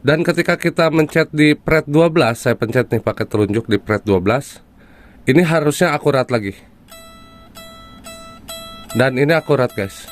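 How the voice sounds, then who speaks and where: A man's voice: a little high, expressive, moderate pace, pauses often. A man casually explaining a guitar topic to viewers, with frequent fillers and a conversational, hands-on manner. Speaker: guitar tutor.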